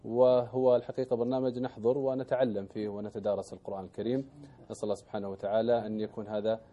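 A man's voice: fairly low pitch, level tone, rapid-fire, warm tone, dull audio. A man hosting a Quran program, speaking with courteous, formal thanks. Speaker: program host.

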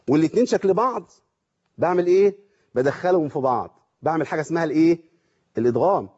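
A man with an Egyptian accent gives a rapid tajweed lesson in a fairly high, mellow voice. He keeps putting questions to his students and answering them himself, and the recording sounds dull and lo-fi. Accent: Egyptian Arabic. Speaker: Quran recitation teacher. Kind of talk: tajweed lesson with recited examples.

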